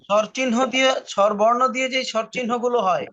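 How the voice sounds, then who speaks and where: High-voiced man teaching a language lesson. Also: fairly even intonation, a bit bright. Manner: explains slowly and repeats rules for the student. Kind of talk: patient spoken lesson. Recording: muffled lo-fi online recording.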